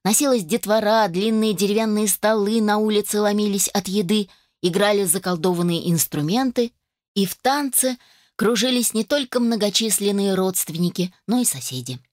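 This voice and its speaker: A woman reading a first-person novel aloud as an audiobook narrator, in an even storytelling way. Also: mid-range voice, moderate pace, no room sound, studio quality.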